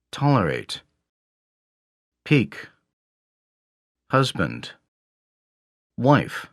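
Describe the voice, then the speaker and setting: A man reads out a lesson's word list and example sentences at an unhurried pace, enunciating carefully. His pitch moves in a wide, lively arc from word to word. The sound is dry and close, with no room around it. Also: no room sound. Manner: slow, careful enunciation of single words. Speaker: English lesson reader. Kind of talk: reading vocabulary and example sentences.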